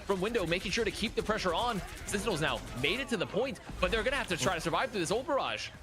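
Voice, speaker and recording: A man casting an esports match, giving energetic play-by-play and joking analysis. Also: high voice, quick pace, music in the background. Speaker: esports caster.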